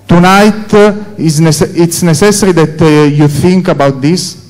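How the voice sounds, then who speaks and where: A man's voice: fairly high pitch, steady tone, unhurried, a little mellow, soft background music. A man interpreting a sermon phrase by phrase into English in a church hall, hesitant with many fillers. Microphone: handheld microphone.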